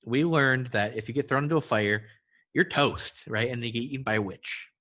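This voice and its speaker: A man's voice: medium pitch, normal speed, pushed and bright, natural voice. A man voicing Hansel and Gretel as jurors in a comic bit, in a wry, matter-of-fact way.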